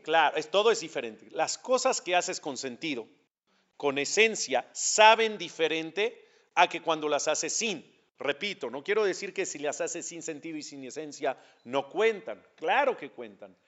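Rabbi guy giving a lesson, kinda high voice, asks stuff then answers it. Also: expressive, normal speed, a bit bright. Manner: asks questions and answers them himself. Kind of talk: religious lesson. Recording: dull lo-fi recording.

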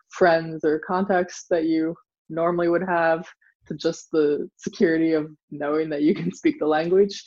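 An American man, a former exchange student, answers interview questions as a guest in a relaxed, chatty manner. His voice sits a little high, and he chuckles a lot while hedging with words like "maybe" and "kind of." The recording is dull and lo-fi.

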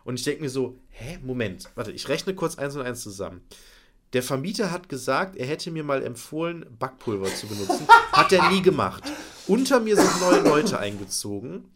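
A man in casual podcast chat, telling a story with a lively voice that swings high and low. He acts out his own reactions as he goes, often breaking into laughter. His pitch sits in an ordinary middle range. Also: moderate pace, noisy background. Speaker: podcast co-host telling an anecdote.

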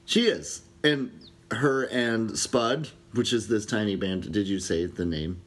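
A man's voice: lowish voice, slow pace. A man co-hosting a casual podcast, joking and teasing his co-host. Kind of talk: casual chat.

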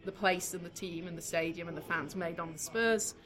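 A woman co-hosting a casual football chat, thoughtful and measured, repeating words as she thinks. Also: lowish voice, fairly even intonation, a bit bright. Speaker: podcast co-host.

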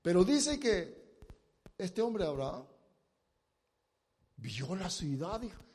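A man's voice: high-pitched, very animated, takes it slowly, slightly rough, in a large hall. A man preaching a sermon in a dramatic style, acting out scenes and pleading voices as he speaks. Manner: dramatic, acts out the blind man's shouted pleas.

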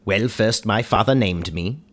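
An actor playing a goofy, cheerful ghost of a warlord in a comedy radio sketch, talking in a whimsical, rambling way. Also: male voice, lowish voice, measured pace, a bit bright. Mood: jolly. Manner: whimsical, rambling, sing-song.

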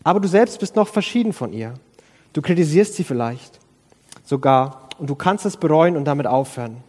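A man's voice: fairly high pitch, animated, normal speed, a little mellow, slightly rough, long reverb tail. A man preaching an earnest sermon, thinking aloud with restarts and acting out quoted pleas in a raised voice.

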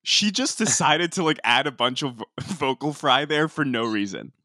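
A man's voice: mid-range voice, animated, moderate pace, pushed and bright, no room sound, clean studio sound. A man co-hosting a podcast in casual conversation, steering the chat with questions. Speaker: podcast co-host.

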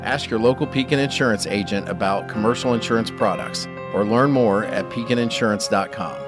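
Male commercial announcer, fairly low, reading ad copy over clear guitar music. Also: brisk. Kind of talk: scripted radio advertisement.

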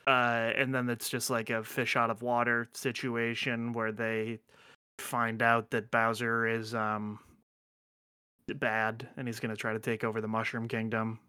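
Rambling podcast host man, bright crisp voice. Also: medium pitch, monotone, unhurried, no room sound, clean studio sound. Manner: rambling, full of fillers and restarts, casual swearing. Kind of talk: casual podcast chat.

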